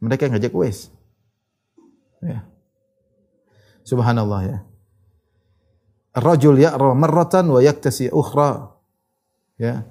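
A man's voice: mid-range voice, slow, long pauses, dark tone. A man giving a storytelling religious lesson. He reads Arabic narrations, retells them in casual speech and acts out the characters' lines. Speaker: religious teacher.

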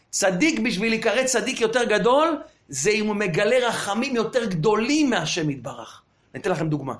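A man's voice: high voice, fairly bright tone, roomy sound. A man, a rabbi, preaching a Torah sermon, telling parables and asking rhetorical questions. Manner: acts out dialogue in quoted voices.

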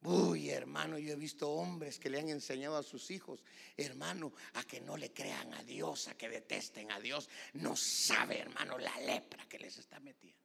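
A man preaching a sermon, swinging between shouted passages and hushed whispers, calling the listener "brother" again and again. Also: on the high side, animated, moderate pace, gravelly, breathy edge. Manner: repeats "hermano" constantly. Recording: long hall reverb.

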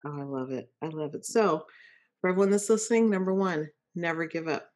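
Lady coach hosting a chat, kinda low voice, hypes people up, says stuff twice. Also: animated, fairly quick, a little mellow. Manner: encouraging, repeats key phrases for emphasis. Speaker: life coach and podcast host. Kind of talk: coaching interview conversation.

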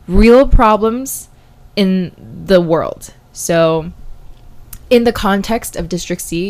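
A woman podcast host talks casually and informally, as if catching up with regular listeners. Her voice sits slightly low for a woman and is smooth and clear. She is recording solo in an apartment hallway. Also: darkish tone. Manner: chatty, informal. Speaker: podcast host and science teacher.

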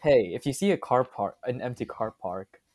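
A man's voice: mid-range voice, animated, normal speed, a little mellow. A teenage man, chatting casually with friends, rambling with lots of fillers and restarts. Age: teens. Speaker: student. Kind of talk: casual chat.

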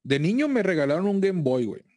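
Mexican man, higher-pitched, laddish slangy bro chatting casually, very dry recording. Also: sing-song, quick pace, darkish tone, dry recording. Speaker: video game collector. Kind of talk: casual chat.

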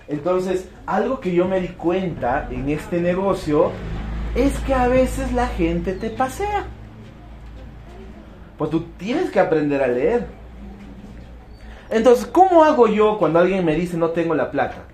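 A man giving a motivational talk about network marketing to an audience, animated and acting out quick bits of dialogue. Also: high-pitched, roomy sound, a little hiss or hum.

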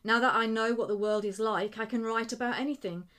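A woman reading the part of an eager young man who wants to be a writer, talking with rising excitement. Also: high-pitched, clear, resonant tone. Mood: excited. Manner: excited, quick, rising with enthusiasm.

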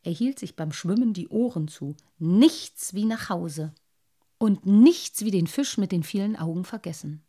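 A woman reading a children's story aloud with expressive, lively narration. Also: mid-range voice, unhurried.

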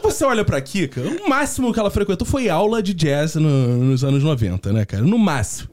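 A man's voice: high-pitched, sing-song, fairly quick, darkish tone. A man, telling a story on a casual comedic podcast and laughing through his lines. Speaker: podcast co-host.

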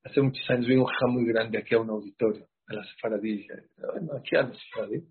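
A man giving an animated sermon, full of rhetorical questions to his listeners. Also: medium pitch, quick pace, breathy edge. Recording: muffled lo-fi sound.

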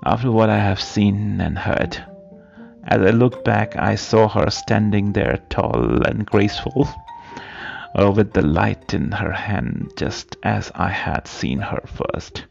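A man reading a period story aloud in a slow, halting way, often repeating words. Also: fairly low pitch, creaky, lo-fi sound, faint music behind. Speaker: narrator.

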